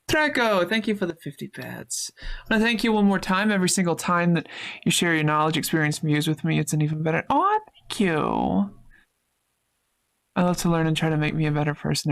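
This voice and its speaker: A woman's voice: low voice, gravelly. A woman streaming live, chatting loosely with her viewers, thanking them and swearing freely. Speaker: Twitch streamer. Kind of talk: casual live-stream chat, reading chat messages.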